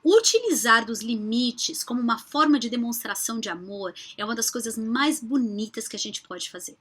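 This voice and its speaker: A woman's voice: a little high, animated, moderate pace, a bit bright, husky. A woman therapist in casual vlog talk, affectionate and emphatic, asking her viewers rhetorical questions. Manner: affectionate, addresses viewers as "amores".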